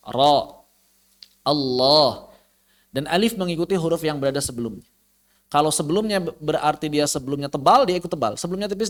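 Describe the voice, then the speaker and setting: A man teaching an online tajwid lesson, explaining step by step, repeating key phrases and demonstrating letter sounds. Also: fairly high pitch. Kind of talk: online Quran recitation lesson.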